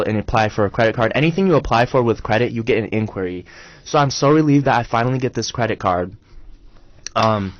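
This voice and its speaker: A young man co-hosting a college radio show, telling a story in an animated, exasperated way. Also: medium pitch, no echo, muffled recording. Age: young adult. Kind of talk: casual storytelling chat.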